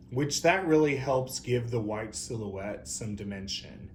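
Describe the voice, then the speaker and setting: Slow, low-voiced man, campy and gushing. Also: a little hiss or hum. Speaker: doll review host. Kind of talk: unscripted product review commentary.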